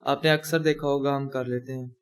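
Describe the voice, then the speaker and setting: A young man with a medium-pitched, level voice, speaking a little fast, records his screen for a coding tutorial. He talks through each step while typing, fixing his own mistakes as he goes.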